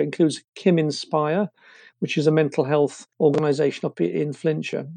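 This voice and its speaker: A man talks in a loose, rambling, professorial way, explaining ideas conversationally and wandering into tangents. His voice is mellow and creaky, recorded close and dry. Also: a little high, dry recording. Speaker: interview guest working in community social care.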